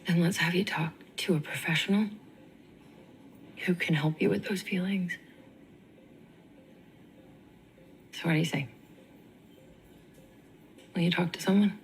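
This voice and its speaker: Actress as a young woman ER resident, earnest and heartfelt, low voice, TV drama. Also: steady tone, moderate pace, pauses often, slight background noise, lightly acted, rough recording. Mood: hushed. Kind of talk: TV drama acting.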